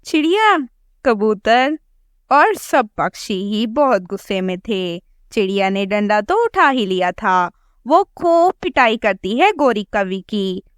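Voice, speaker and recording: A woman narrating a cartoon story slowly and evenly. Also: mid-range voice, clear, resonant tone, no room sound, clean studio sound. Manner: slow, even storytelling.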